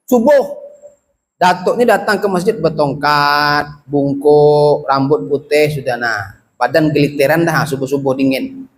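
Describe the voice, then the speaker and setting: A man with a Riau Malay accent preaching a lively mosque sermon, telling humorous stories and asking rhetorical questions. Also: a little high, unhurried. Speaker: Islamic preacher.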